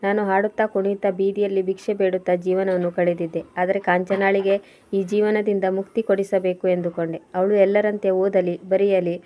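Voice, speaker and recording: A woman's voice: medium pitch, little pitch movement, normal speed, muffled recording, lightly acted. A woman voicing a grieving transgender woman, Bhavani, who recounts her past in a plaintive, pleading tone. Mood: sorrowful.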